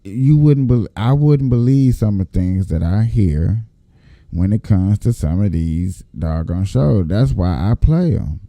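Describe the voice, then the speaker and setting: A man's voice: lowish voice, animated, unhurried, dark tone, no room sound. An American man giving casual commentary as a host, talking in a folksy, profane way and repeating phrases for emphasis. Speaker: host reacting to clips from his news feed.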